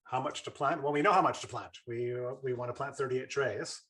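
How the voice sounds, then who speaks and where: A man's voice: medium pitch, a little fast, fairly bright tone. A man presenting an online lesson in a casual, chatty way, full of fillers and restarts. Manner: chatty, with fillers and repeated starts. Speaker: webinar presenter.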